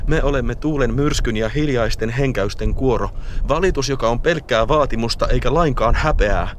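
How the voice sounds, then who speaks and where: A man narrating as a reflective boy, low voice. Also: slight background noise, lightly acted. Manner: calm, reflective, often hushed. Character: a boy remembering his childhood. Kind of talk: scripted radio play narration.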